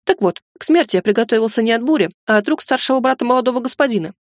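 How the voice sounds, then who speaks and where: A high-pitched, jittery little goblin man chatters on without pause in a folksy, wheedling patter, put on by a woman reading a storybook. He is loud and lively, and the recording is dry and close. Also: dry recording, natural voice. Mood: rambling. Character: chatty nervous male goblin servant, undead.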